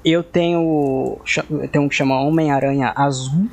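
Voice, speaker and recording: A man co-hosting a casual podcast, relaxed and a bit hesitant. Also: a little high, normal speed, gravelly. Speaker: podcast co-host.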